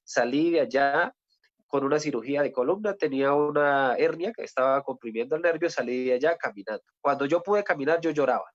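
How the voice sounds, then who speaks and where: A man's voice: medium pitch, fairly quick, dry recording, lo-fi sound. Earnest Colombian man giving a testimony. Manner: earnest, with repeated rhetorical "¿sí?" and restarts. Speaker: testimony speaker.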